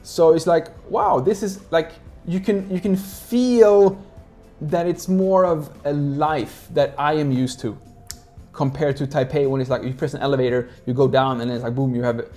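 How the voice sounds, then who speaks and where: Over soft background music, a speaker who grew up in Sweden rambles through a casual chat, filling it with lots of "like." The voice is medium-pitched with a dark tone and normal speed.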